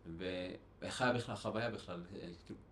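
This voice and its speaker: Male host, Israeli accent, casual and colloquial, slightly low voice, roomy sound with background noise. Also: a bit bright. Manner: colloquial, repeats and rephrases. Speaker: interview show host. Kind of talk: casual conversational interview. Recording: echoey room with clear background noise.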